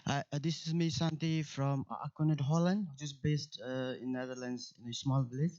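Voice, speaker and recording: A man introducing himself as an intern developer at a conference, halting with many pauses. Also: mid-range voice, flat delivery, darkish tone. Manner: halting, many fillers and restarts. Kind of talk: hesitant self-introduction. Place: conference room. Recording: dull lo-fi livestream audio.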